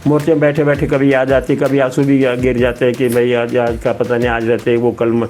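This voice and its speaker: In a mid-range, completely flat voice with a darkish tone, this man in his eighties, an ex-soldier from Betul in central India, talks a little fast as he reminisces conversationally. He wanders, repeats himself, and performs remembered dialogue while faint music plays behind him.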